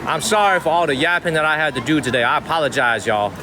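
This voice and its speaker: A man's voice: a little high, fast. A man hosting a live vlog outdoors, chatting on in a rambling way and repeating his phrases for emphasis. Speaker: live stream host. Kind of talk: live vlog street chat. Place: outdoors on a busy city street. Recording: noisy outdoor city street with traffic.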